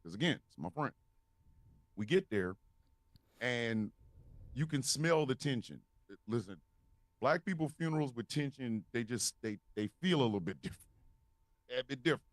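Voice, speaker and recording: A man's voice: mid-range voice, normal speed, pauses often, dry recording. A man co-hosting a podcast, telling a wild story with lots of swearing and laughter. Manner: animated, profane, laughing storyteller. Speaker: podcast co-host. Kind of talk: casual storytelling.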